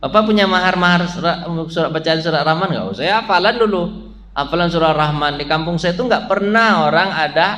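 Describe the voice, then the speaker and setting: A man's voice: fairly high pitch, quick pace, bright, forceful tone. A male preacher giving a mosque study talk, joking with the congregation and chanting Quran verses in between. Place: mosque hall. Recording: echoey mosque with faint hum.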